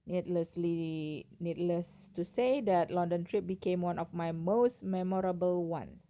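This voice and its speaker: A woman's voice: fairly low pitch, a little slow, muffled recording. A woman with an Indonesian accent reads a written essay aloud, carefully and with the occasional stumble.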